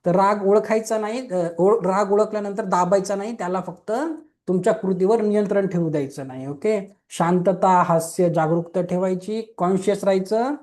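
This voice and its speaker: The speaker is a young adult man with a high-pitched, darkish voice who talks at a moderate pace. He is teaching a Reiki webinar on an online webinar mic, explaining simply with everyday examples and questions and often checking that listeners agree.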